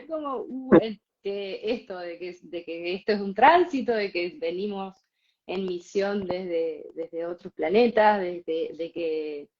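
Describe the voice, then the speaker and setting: A woman, co-hosting and telling a spiritual story in a casual, animated way with frequent laughs. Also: on the low side. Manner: animated, laughs often, many fillers. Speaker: podcast co-host. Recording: slightly dull lo-fi sound.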